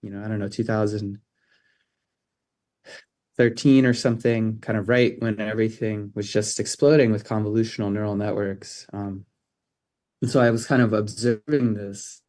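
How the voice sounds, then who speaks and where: Hesitant male interview guest, thirties, low flat delivery. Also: normal speed. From California. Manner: hesitant, many ums and restarts. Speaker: interview guest, optics researcher. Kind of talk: casual interview answers.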